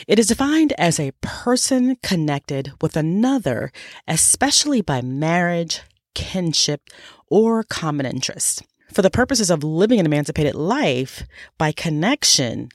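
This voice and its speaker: Low, nasal-sounding woman hosting a podcast. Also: no echo, studio quality. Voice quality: nasal, congested from a cold. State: sick with a cold. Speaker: podcast host, life coach. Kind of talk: scripted motivational podcast monologue.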